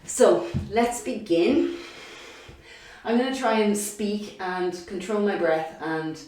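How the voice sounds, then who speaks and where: A woman's voice: mid-range voice, expressive, slow, darkish tone, heavy reverb, far from the mic. A woman yoga teacher guiding a class, chatty and encouraging, counting reps aloud and a bit out of breath as she exercises along. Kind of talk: guided yoga class instruction. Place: yoga studio.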